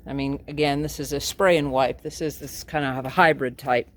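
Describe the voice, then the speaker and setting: Working on a car outside, this woman vlogger narrates casually in a chatty, rambling way full of filler words. She has a bass voice, speaks at normal speed, and keeps her intonation fairly even.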